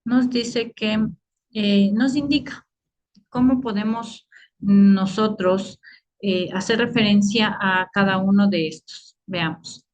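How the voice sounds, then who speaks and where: A woman's voice: medium pitch, slow pace, rough recording. A woman teaching a class over a video call, explaining at length with many fillers and frequent checking questions. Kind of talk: online lecture.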